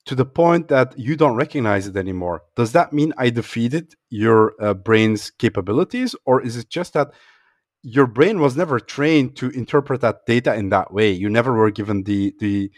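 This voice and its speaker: A man hosts a relaxed discussion and challenges his guest's arguments as a devil's advocate. His voice sits at an ordinary mid pitch and is recorded close and dry. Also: normal speed, dry recording. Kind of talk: casual discussion.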